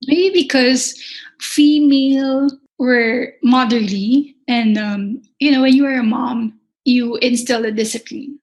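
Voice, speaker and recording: A young adult woman from the Philippines, a culinary instructor with a Filipino accent, talks casually in an interview and often repeats words while searching for them. Her voice is fairly high, slow, and darkish, and the audio quality is poor.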